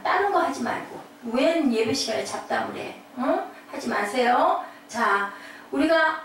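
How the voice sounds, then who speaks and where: A woman's voice: fairly high pitch, a little hiss or hum. A woman pastor preaching a Sunday sermon, asking her congregation questions and acting out the voices of grieving people. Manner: asks the congregation many questions, acts out quoted voices. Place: small church hall. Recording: echoey hall, voice from far off.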